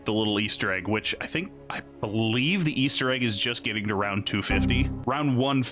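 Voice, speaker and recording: A drunk man casually explaining game lore to friends, halting, swearing and losing his thread. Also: fairly low pitch, music in the background. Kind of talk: casual, rambling storytelling among friends.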